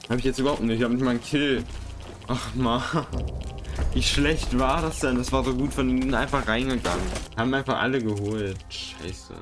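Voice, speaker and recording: Excitable young man gaming, music behind. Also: mid-range voice, moderate pace. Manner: excitable, swearing, self-mocking. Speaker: gaming YouTuber. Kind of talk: casual gameplay commentary. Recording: game music and gunfire behind. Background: game music and gunfire.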